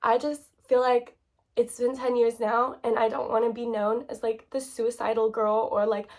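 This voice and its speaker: A woman's voice: fairly high pitch, flat delivery, moderate pace, darkish tone. A woman in her late twenties talking candidly to her viewers in a casual vlog, chatty and full of fillers, close to tears at times. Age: 20s. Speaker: YouTuber.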